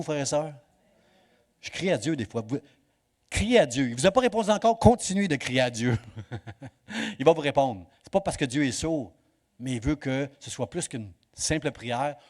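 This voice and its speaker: A male pastor preaching a sermon in church, swinging between loud exhortation and hushed emphasis. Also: medium pitch.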